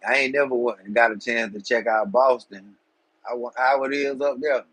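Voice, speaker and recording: A man chats loosely with his live-stream viewers in streetwise slang. His voice sits at an ordinary pitch with a husky, slightly rough edge. The sound is dry, with no room echo. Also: steady tone, normal speed, a bit bright. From Georgia, USA. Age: 40s. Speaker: livestream host.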